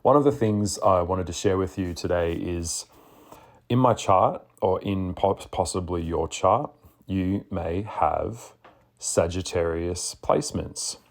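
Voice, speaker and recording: A man with a deep, husky, just-woken voice, chatting casually as a podcast host in a sassy, blunt way. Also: slow. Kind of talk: casual spoken monologue.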